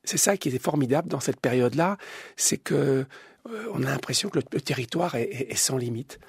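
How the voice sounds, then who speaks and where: A man's voice: medium pitch, brisk, gravelly, husky, no echo, clean studio sound. A man from Belgium, a comics author answering interview questions, searching for words with many restarts and repeated words. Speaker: comics artist guest.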